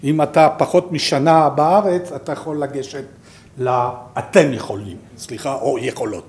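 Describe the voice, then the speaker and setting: A programme director with a French accent gives an informal slide presentation, haltingly searching for his words. His voice is medium in pitch and somewhat dark in tone.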